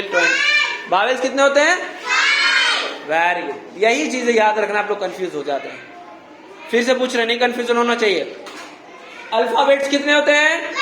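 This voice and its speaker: A male teacher drills his class with the same questions again and again and scolds them mildly for not listening. He is recorded in a classroom full of echo, with steady noise behind him. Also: very high voice. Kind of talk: classroom English grammar lesson. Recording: echoey classroom with background noise.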